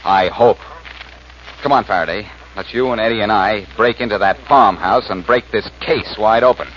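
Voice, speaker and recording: An actor playing a quick-witted, insistent amateur detective in a 1940s radio crime drama. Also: male voice, lowish voice, fairly bright tone, natural voice. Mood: persuasive. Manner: insistent, earnest. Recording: dull old radio recording, faint noise.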